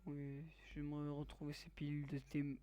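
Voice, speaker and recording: A man's voice: fairly high pitch, monotone, moderate pace, mellow, a little hiss or hum. A man giving let's play commentary, joking crudely and teasing his viewers. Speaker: gaming YouTuber.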